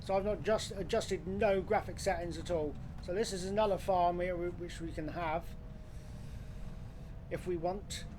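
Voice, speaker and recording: A man's voice: sits high, steady tone, moderate pace, background noise. A man with a blokey, matey way of talking, giving casual livestream commentary on a game. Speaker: live streamer.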